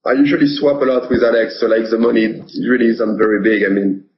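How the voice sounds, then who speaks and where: A young man from France with a French accent, speaking in a halting way with many fillers as a guest in a casual interview. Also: mid-range voice, lo-fi sound, slight background noise. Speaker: poker pro guest.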